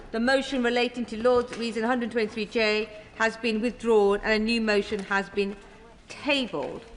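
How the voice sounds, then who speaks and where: A British woman with a formal, authoritative manner, presiding over parliament and announcing procedure in measured phrases. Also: a little high. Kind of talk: formal parliamentary procedure, calling votes and business. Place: large parliamentary debating chamber. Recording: echoey chamber, long reverb, background noise.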